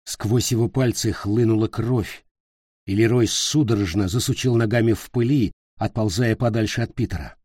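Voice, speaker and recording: A man reading fiction aloud as an audiobook narrator, slow and deliberate. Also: lowish voice, darkish tone, dry recording, studio quality.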